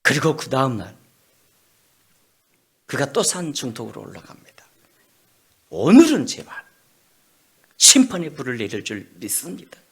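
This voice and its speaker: A male pastor preaching a sermon in a dramatic storytelling manner, moving from hushed asides to loud bursts. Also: medium pitch, sing-song, a little slow, gravelly, long pauses, husky.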